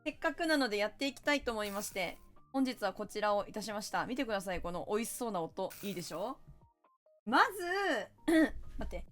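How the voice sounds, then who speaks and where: A young woman streaming a game, chatting casually and getting excitable, her voice a bit rough. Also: medium pitch, a little fast, faint music behind. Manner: excitable, shouts and laughs while playing. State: voice a bit rough, says it won't come out.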